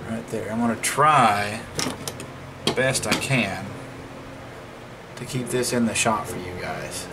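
Speaking slowly in a fairly low voice, the host of a DIY electronics repair vlog thinks aloud at his indoor work table. He keeps up casual, folksy hands-on commentary as he works, recorded at home with clear background noise.

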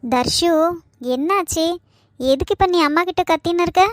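A woman voicing a kind older sister in a cartoon, gentle and reassuring. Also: extremely high pitch, moderate pace, no echo, clean studio sound.

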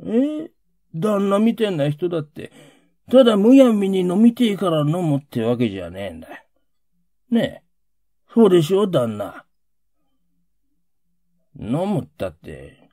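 A man voicing a rough, emotional working-class Edo man who pleads in coarse old Edo street speech. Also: sits high, big pitch swings, a little slow, long pauses, mellow, no echo, studio quality, pitched above the performer's own voice, heavily acted. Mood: pleading.

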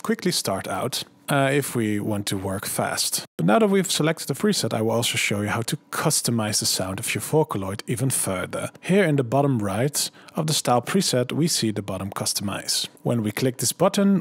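A man narrating a software tutorial voice-over, calmly walking through each click and setting step by step. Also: medium pitch, normal speed, hardly any pauses, breathy edge, no room sound. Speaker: tutorial host.

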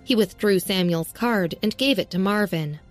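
A woman narrating a serialized audio story in a steady, even reading. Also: medium pitch, moderate pace, faint music behind.

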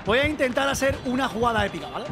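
A young man from streaming a game, chatting to viewers and shouting and swearing at the action. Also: very high voice, animated, rapid-fire, over music. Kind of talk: live gameplay commentary.

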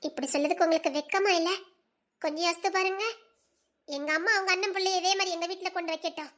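A woman's voice: very high voice, steady tone, fast, sharp tone. A woman playing a hurt young village wife who speaks sharply and bitterly to her husband. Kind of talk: audio drama acting.

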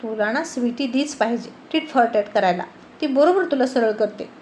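A woman's voice: fairly high pitch, normal speed, a little mellow, a little hiss or hum, close to an everyday voice. A woman voicing a pampered, sensitive little sister who pouts and complains. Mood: pouty. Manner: pouty, indignant.

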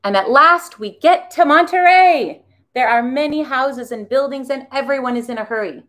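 A woman who teaches a children's music class, reading a storybook aloud in an expressive, animated way. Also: high-pitched, normal speed.

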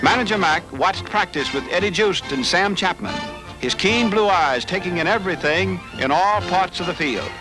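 High-voiced man in old newsreel narration. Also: animated, music in the background, rough recording. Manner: brisk, formal announcer delivery.

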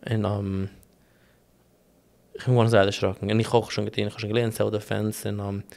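A man's voice: lowish voice, little pitch movement, fairly quick, gravelly, a little mellow. A young man chatting as an interview guest, rambling through his stories with many restarts and English phrases mixed in. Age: young adult. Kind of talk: casual interview chat.

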